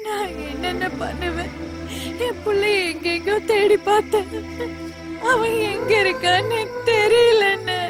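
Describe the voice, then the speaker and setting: A woman's voice: very high-pitched, fairly even intonation, unhurried, over loud music. An actress playing a middle-aged servant woman who tearfully begs her masters for help while searching for her missing son. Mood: grieving. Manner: tearful, begging. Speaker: servant mother. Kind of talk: Tamil horror film acting. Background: loud film score.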